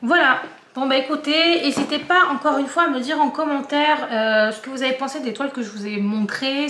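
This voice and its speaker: A woman with a regional French accent chats to her viewers, her voice sitting a little high. She hesitates often, filling gaps and restarting sentences. The room gives back a clear echo, with a faint noise underneath. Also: fairly bright tone. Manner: hesitant, many fillers and restarts. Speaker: diamond painting vlogger. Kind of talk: casual chat to viewers.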